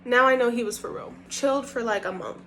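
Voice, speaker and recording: A young woman telling a casual storytime about dating, animated and profane, often laughing. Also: on the high side, a little fast, a little hiss or hum. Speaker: storytime vlogger.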